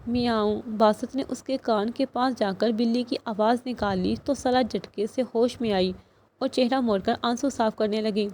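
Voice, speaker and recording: A woman reads a novel aloud in a steady, storytelling manner. Her voice sits fairly high for a woman. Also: a little hiss or hum. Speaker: audiobook narrator. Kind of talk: scripted novel narration.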